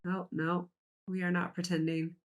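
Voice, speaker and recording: A woman's voice: lowish voice, little pitch movement, normal speed, over loud music. A woman giving casual live reaction commentary, exclaiming often and thinking aloud as she watches. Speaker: reaction video host.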